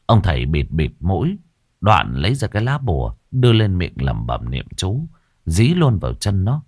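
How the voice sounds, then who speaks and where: A man narrating a ghost story in a dramatic, expressive way. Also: low-pitched, moderate pace, slightly rough, no echo, clean studio sound.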